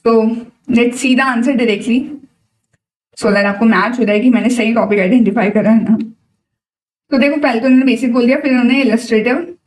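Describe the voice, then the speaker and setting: A young woman coach with an Indian English accent walks students through exam answers, switching between Hindi and English. Her voice sits fairly high and she talks in a direct, encouraging way. She sounds a little distant from the microphone. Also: fairly even intonation, fast, a little mellow. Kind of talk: online exam-prep lesson.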